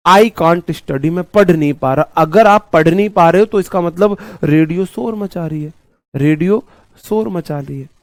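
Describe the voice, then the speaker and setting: Guy teaching english grammar online, higher voice, super dry close mic, gets loud then drops to a mutter. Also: no echo. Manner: animated, swings from loud mock shouting to near-mumbled asides; repeats key words and drills examples slowly. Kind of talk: online class lecture.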